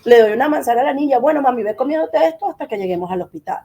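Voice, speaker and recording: Middle-aged woman, interview guest; animated storyteller, higher voice, breathy and soft-toned. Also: rapid-fire. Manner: animated, acts out quoted dialogue.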